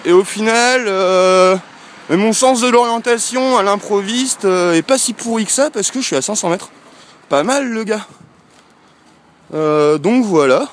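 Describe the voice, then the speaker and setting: Man, casual travel vlog, rambling with frequent hesitations, fairly high voice, faint traffic behind. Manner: talking while walking. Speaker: travel vlogger. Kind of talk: casual chat to camera. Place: outdoors in a village street. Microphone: handheld camera.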